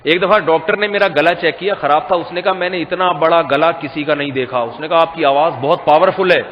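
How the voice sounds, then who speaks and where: A hoarse man preaches in a long, echoing hall, his fairly high voice turning playful as he acts out parents and children. The recording is dull and lo-fi. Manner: humorous, animated storytelling with quoted voices. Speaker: Islamic scholar. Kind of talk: conversational sermon. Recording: reverberant hall, dull lo-fi sound.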